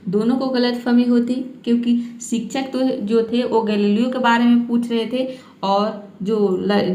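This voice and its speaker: A woman teaching English in Hindi, reading English phrases slowly word by word and checking in often with the listener. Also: on the high side, warm tone, roomy sound.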